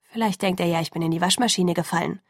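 A woman's voice: fairly low pitch, fast, no room sound, studio quality. A woman reading the lines of a shy but stubborn teenage girl, hesitant and defiant, in an audiobook.

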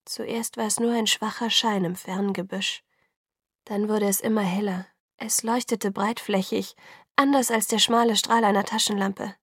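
A woman reads a story aloud in a quiet, subdued voice that often sinks into a whisper. Her pitch sits in an ordinary middle range, and the sound is dry and close to the mic. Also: steady tone, moderate pace, slightly rough, no room sound. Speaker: audiobook narrator. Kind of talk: scripted narration.

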